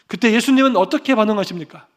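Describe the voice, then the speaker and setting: A Korean pastor preaching a fervent, emphatic sermon that rises into proclamations. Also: male voice, high-pitched, quick pace.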